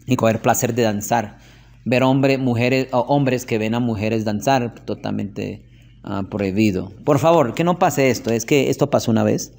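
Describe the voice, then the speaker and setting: Man, informal classroom lesson, chatty, storytelling, mid pitch. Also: moderate pace, gravelly, darkish tone. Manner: chatty, asks "¿ok?" often, tells anecdotes with laughter. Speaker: religious teacher.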